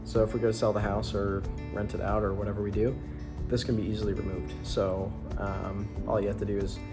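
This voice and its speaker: A man's voice: fairly low pitch, flat delivery, a little fast, over loud music. Chatty man showing off a home project. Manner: rambling, chatty, self-correcting, talks to his dog. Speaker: DIY vlogger. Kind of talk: casual on-camera project talk. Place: indoors at home.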